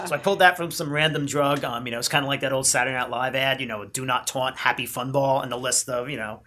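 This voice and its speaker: A podcast host interviewing guests in a relaxed, jokey manner. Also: mid-range voice, fast talker.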